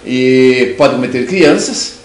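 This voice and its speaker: A man's voice: medium pitch, takes it slowly. An older man with a Brazilian Portuguese accent giving a clinical lecture as a dental surgeon, explaining step by step and often restarting words. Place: room with bookshelves. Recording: echoey room sound.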